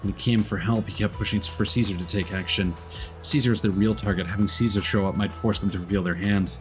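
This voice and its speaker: A relaxed male streamer, voice on the low side, talks fast as he casually comments on a game. He reads the dialogue lines and on-screen text flatly, commenting between them over the game music.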